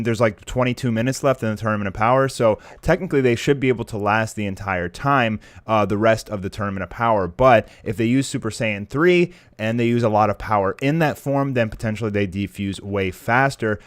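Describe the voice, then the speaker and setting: A man's voice: on the low side, dry recording. A man giving casual, conversational commentary and speculation to viewers as an online anime commentator. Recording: music playing behind the voice. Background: background music.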